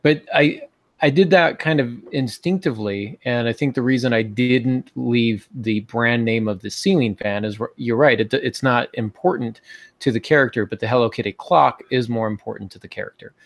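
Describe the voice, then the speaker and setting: This American man in his forties co-hosts a podcast and teaches fiction writing informally over a video call from his home office, thinking aloud as he explains. His voice is gravelly and medium-pitched, his pace moderate, and there's no echo.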